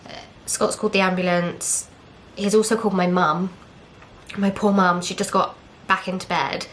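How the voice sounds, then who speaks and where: Her voice sits on the low side with a fairly bright tone, and there's slight background noise. A young vlogger from England, she chats candidly about something that happened to her, acting out others' words with quoted dialogue and plenty of fillers.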